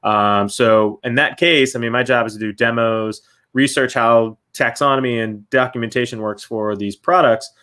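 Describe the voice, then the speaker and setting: Interview guest: man, mid-range voice, relaxed and filler-heavy, conversational. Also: medium pitch, moderate pace. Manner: loose, many fillers like um and you know. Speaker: guest, company CEO. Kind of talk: casual interview answers.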